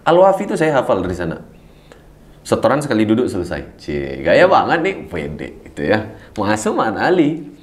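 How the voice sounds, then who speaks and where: Animated low-voiced man telling stories. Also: moderate pace. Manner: animated, swings between low murmurs and excited high bursts; laughs while telling stories. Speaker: guest preacher. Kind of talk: storytelling interview talk.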